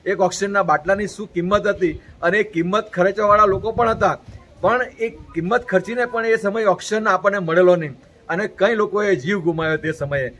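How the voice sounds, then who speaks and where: High-voiced man giving an earnest message. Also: fairly bright tone, low-quality recording. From Gujarat. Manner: preachy, repeats points in long lists. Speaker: interview guest.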